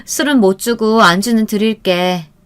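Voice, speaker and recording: A woman's voice: medium pitch, moderate pace, clear, resonant tone, natural voice. A woman voicing a cheerful older mother who runs a bar, easygoing and friendly.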